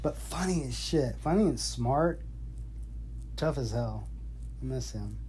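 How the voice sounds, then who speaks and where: A man's voice: medium pitch, lively intonation, measured pace, warm tone, a little hiss or hum. Profane rambling middle-aged storyteller man. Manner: profane, rambling, laughs often. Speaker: father telling stories to his son. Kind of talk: casual storytelling chat. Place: home in North Georgia. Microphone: iPhone.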